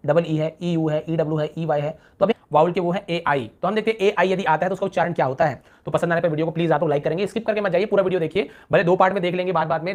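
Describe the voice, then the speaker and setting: Quick-talking male tutor walking viewers through spelling rules, stretching out each example word. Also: high-pitched. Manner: repeats example words slowly and stretched; asks the viewer rhetorical checks. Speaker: English pronunciation teacher. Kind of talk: Hindi-language pronunciation lesson.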